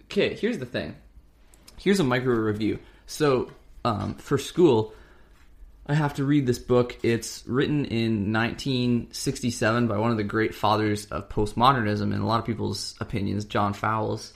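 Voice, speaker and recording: Low gravelly man, casual podcast chat. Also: moderate pace. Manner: rambling, fake-ad delivery at times. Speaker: podcast co-host.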